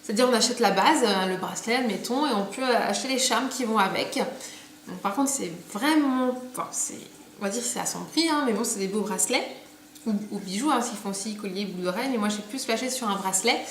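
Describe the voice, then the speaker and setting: A woman's voice: medium pitch, quick pace. A young woman chatting casually about her purchases, full of fillers and restarts, recorded at home. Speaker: beauty vlogger. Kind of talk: casual haul video chat. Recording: echoey room, faint background noise.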